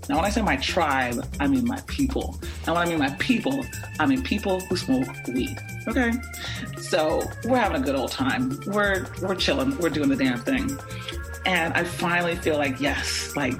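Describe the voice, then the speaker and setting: A young woman with a low-sitting voice tells an audience a personal anecdote, animatedly acting out the people in it with lively quotes. The recording is rough.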